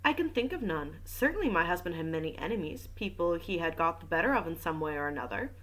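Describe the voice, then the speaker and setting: A woman's voice: lowish voice, lively intonation, quick pace, fairly bright tone, rough recording. A woman voicing a worried, composed French wife in a casual read-aloud of a mystery novel, with a plain, polite delivery. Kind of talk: audiobook reading with commentary.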